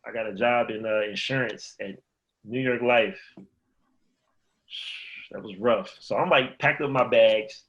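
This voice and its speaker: A man from the Chicago area with a fairly low voice, talking through a long personal story on a podcast. He rambles, backs up and restarts, and acts out what people said to him. The audio is dull and a little lo-fi. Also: measured pace, pauses often, a bit bright. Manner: rambling, acts out remembered dialogue. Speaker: podcast guest, former pro basketball player. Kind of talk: casual storytelling interview.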